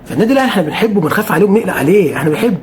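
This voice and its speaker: A man's voice: high voice, lively intonation, rapid-fire, slight background noise. A man with an Egyptian Arabic accent, a football fan streamer talking casually to camera, repetitive and emphatic, swearing oaths.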